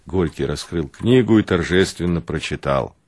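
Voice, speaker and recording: A man reading a novel aloud in measured, expressive scripted narration. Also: low voice, husky, no echo. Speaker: audiobook reader.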